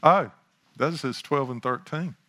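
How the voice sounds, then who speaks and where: A man leads a prayer and starts a sermon at an unhurried, drawn-out pace. His voice sits at an ordinary middle pitch, and he talks in a loose, homey way, full of asides and restarts. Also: a bit bright. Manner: slow, informal, chuckling asides and restarts. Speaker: preacher.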